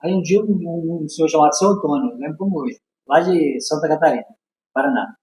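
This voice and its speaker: A man's voice: a little high, a little fast. A man with a Brazilian Portuguese accent telling a story as a podcast guest, acting out the dialogue with laughs. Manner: animated, acts out dialogue with laughs. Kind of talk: casual storytelling. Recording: echoey room.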